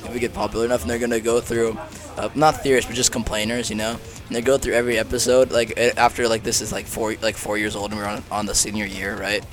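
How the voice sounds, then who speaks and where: A man's voice: on the low side, level tone, quick pace, soft background music. A young man co-hosting a podcast in casual banter, rambling and teasing with lots of fillers. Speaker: podcast co-host.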